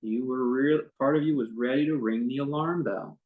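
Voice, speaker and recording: The sound is phone quality as a man with a mid-range voice leads a guided meditation. Acting as teacher, he talks in an unscripted, conversational manner, gentle and halting, with long pauses.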